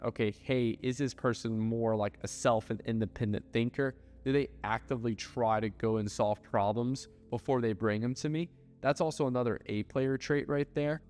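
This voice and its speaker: A man's voice: medium pitch, darkish tone. Blunt casual man, echoey hall. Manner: loose and blunt, heavy filler words, swears. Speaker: ad agency owner. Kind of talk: casual business advice talk. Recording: hall reverb with faint music.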